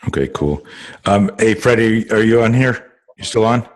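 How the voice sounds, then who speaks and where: A man's voice: fairly low pitch, lively intonation, normal speed. A man hosting a casual group call, rambling with many fillers and swearing freely. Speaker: podcast host.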